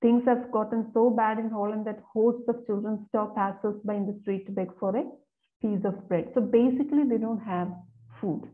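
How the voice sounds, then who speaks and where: A woman's voice: mid-range voice, steady tone. Woman teacher on a tinny phone-like line. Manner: reads questions slowly, then explains quickly. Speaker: exam coaching teacher. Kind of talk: explaining exam questions, mixing Malayalam and English. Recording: phone-like narrow sound.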